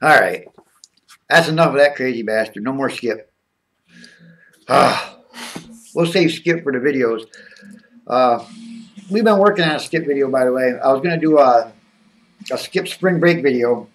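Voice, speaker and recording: A man's voice: mid-range voice, normal speed, long pauses, distant mic. A man hosting a live stream in a loose, joking, chatty way. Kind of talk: casual live-stream chat.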